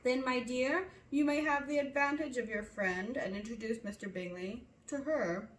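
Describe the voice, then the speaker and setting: A woman's voice: on the high side, far from the mic, natural voice. Woman reading as a wry, teasing father, roomy echo. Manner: measured, wry, mock-polite. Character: dry, sarcastic, teasing middle-aged father.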